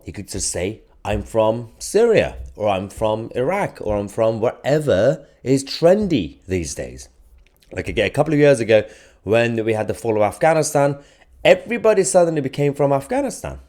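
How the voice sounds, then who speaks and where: A man hosts an online news channel, offering opinionated commentary in a lowish, darkish voice. He speaks emphatically, his delivery rising and falling in bursts.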